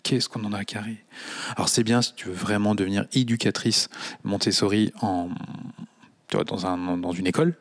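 A man's voice: lowish voice, gravelly. A man hosting a podcast, talking bluntly and mockingly with plenty of swearing, standing in his kitchen at a microphone. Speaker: podcast host. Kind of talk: casual podcast monologue.

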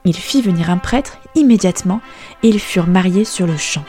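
A woman storyteller narrating a fairy tale in a calm, measured way. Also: on the low side, music in the background.

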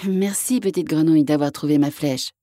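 Young storybook prince, read by a woman, plaintive and sighing, low dark voice. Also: brisk, dry recording, studio quality, natural voice. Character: young prince, sad and doubtful.

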